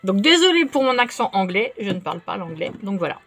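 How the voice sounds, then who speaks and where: A woman chatting casually while she crafts at her table, relaxed and full of fillers. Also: medium pitch, a little fast. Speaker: craft vlogger.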